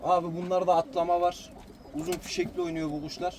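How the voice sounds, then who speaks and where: A man's voice: high-pitched, completely flat delivery, fast talker. A man, a bird breeder, informally describing his pigeons one by one in a matter-of-fact, respectful way, with cooing around him. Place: outdoors beside a pigeon coop. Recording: noisy outdoor recording with birds cooing. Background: cooing pigeons and outdoor noise.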